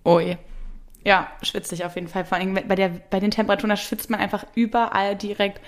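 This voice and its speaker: A woman's voice: medium pitch, little pitch movement, brisk. Woman podcast co-host, playful and teasing, chatty casual delivery. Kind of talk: casual chat.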